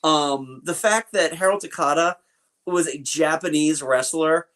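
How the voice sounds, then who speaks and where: Riffing on a film with a co-host, this man drops lots of fillers and opinions in relaxed podcast talk. His voice runs on the high side, fairly bright, at a measured pace.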